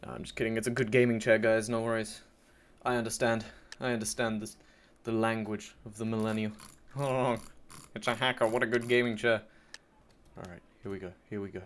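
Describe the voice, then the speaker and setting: A man's voice: on the low side, slight background noise. A man giving sarcastic, mock-boastful commentary over his own gameplay as a YouTuber, joking at his own expense. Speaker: gaming YouTuber. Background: faint keyboard and mouse clicks.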